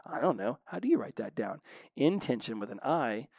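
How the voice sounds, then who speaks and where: A man talks into a close studio mic for his own podcast, fast and excitable and always catching himself. His middle-pitched voice sounds dry and close, with no room behind it. He is tired late at night, yet keeps a lively, rambling energy. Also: gravelly, slightly rough, no echo. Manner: fast, excitable, self-interrupting with fillers. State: tired, up late past midnight. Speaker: podcast host. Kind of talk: solo podcast monologue on recovery. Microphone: studio microphone.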